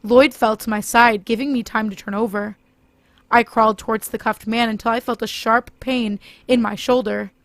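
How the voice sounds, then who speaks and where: A woman's voice: a little high, steady tone, moderate pace, dry recording. Woman narrating a horror story.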